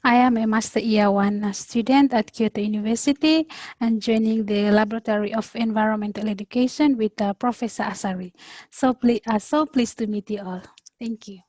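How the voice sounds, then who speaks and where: A woman's voice: on the high side, steady tone, a little fast, darkish tone, no echo. A woman in her twenties from the Solomon Islands, a student speaking in class over a video call, hesitant with fillers. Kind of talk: class discussion.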